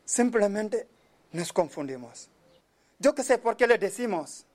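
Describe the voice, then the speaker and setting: A man from Senegal giving an earnest, measured monologue, often speaking quietly. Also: sits high, lively intonation. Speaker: speaker telling of his migrant life. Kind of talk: reflective spoken monologue.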